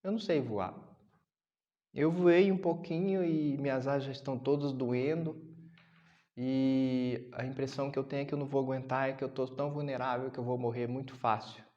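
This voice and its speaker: A man's voice: medium pitch, fairly even intonation, moderate pace, mellow, highs cut off, voice pushed up, natural voice. A man voicing a timid, fearful young male bird who stammers and doubts himself. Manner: hesitant, stammering, worried.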